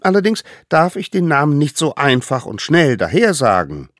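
Ein Mann spielt einen winzigen eifrigen Höhlenjungen. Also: male voice, very animated, moderate pace, no room sound, studio quality. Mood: fussy. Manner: high, pleading, fussy. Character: tiny eager boy caveman hunter.

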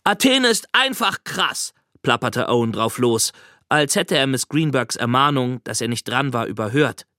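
A man narrates a children's audiobook in a calm, measured way. His voice sits at a middle pitch. The recording is dry and close, with no room sound. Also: no room sound. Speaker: audiobook reader. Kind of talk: scripted narration.

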